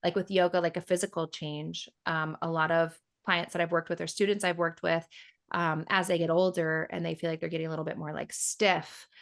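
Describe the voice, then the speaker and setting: A woman's voice: fairly low pitch, little pitch movement, fairly quick, gravelly. A woman in her thirties, a yoga and meditation teacher, talking casually in an interview and acting out quoted voices. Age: 30s. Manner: chatty, acts out quoted voices, laughs often.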